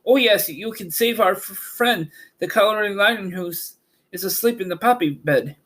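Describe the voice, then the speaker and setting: A man's voice: high-pitched, moderate pace, fairly bright tone, pitched above the performer's own voice. A man voicing a helpful, eager living scarecrow in a storybook.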